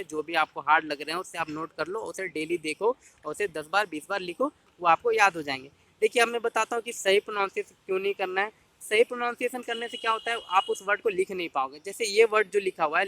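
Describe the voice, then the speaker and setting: A high, bright-voiced man explains exam prep in a casual teaching style. He repeats himself and keeps turning to the listener with direct asides. The sound is close and dry. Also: dry recording. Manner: repetitive, addresses viewer directly with "dekhiye".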